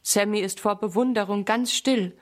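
A woman calmly narrating a scripted children's story. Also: mid-range voice, moderate pace.

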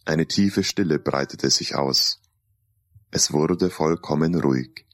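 A man calmly narrating a first-person story in a deliberate storytelling manner. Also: rumbling low, no echo.

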